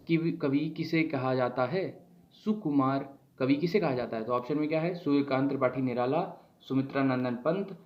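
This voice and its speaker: A man's voice: mid-range voice, background noise. A man teaching an online exam-prep lesson, asking questions aloud and then answering them himself.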